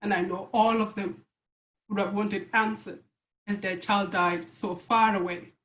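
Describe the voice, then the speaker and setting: Woman from South Sudan, earnest panel remarks, halting restarts, middle pitch, roomy video-call sound. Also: steady tone, a bit bright. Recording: echoey room on a video call.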